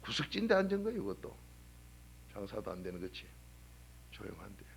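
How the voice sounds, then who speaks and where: A man preaching a sermon as a pastor, talking in a colloquial way and firing off rhetorical questions. He swings between loud exhortation and low, quiet asides. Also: huge pitch swings, brisk, vocal fry, slight background noise. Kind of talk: early-morning sermon. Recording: 1997 church sermon recording.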